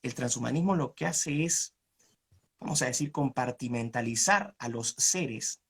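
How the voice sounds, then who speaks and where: A man's voice: mid-range voice, unhurried, slightly rough. A man arguing his side in a live online debate over a video call, asking rhetorical questions. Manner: argumentative, asks rhetorical questions.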